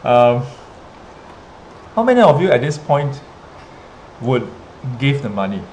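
A man with a Singaporean accent tells a story casually as a livestream host, pausing and repeating himself often as he talks to his viewers. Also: mid-range voice, big pitch swings, a little mellow. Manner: hesitant, halting, with frequent pauses and repetitions. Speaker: livestream host, teacher addressing students. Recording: clearly noisy ambient background. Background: ambient noise, rain.

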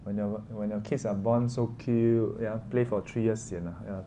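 A man's voice: on the low side, steady tone, moderate pace, warm tone. Singaporean or Malaysian man teaching, noisy room. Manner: conversational, asks short prompting questions with particles like lah and ah. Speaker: teacher leading a class. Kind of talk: informal interactive lesson. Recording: clearly noisy room ambience.

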